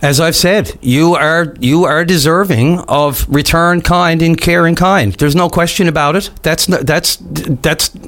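Male call-in radio host, smooth on-air delivery, slightly high voice, reassuring, cuts in often. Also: steady tone, measured pace, few pauses, fairly bright tone. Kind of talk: talk radio call-in hosting.

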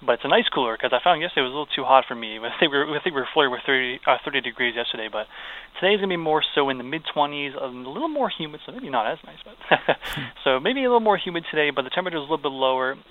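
A man's voice: mid-range voice, animated, very fast, a little hiss or hum. A man working as a weather forecaster, chatting informally and a little hesitantly over a tinny phone line. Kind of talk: casual live weather chat. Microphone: phone call.

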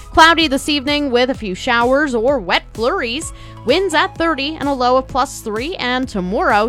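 Brief: female radio newsreader, bright forceful voice, slightly high pitch, scripted news and forecast delivery. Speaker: radio news and weather announcer.

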